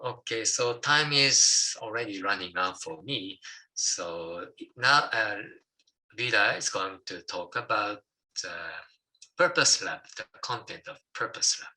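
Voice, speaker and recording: A man co-hosting a Buddhist webinar, speaking haltingly with many pauses and restarts. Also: fairly low pitch, expressive, bright, forceful tone, low-quality recording. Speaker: co-host of a Buddhist talk. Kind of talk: dharma talk webinar.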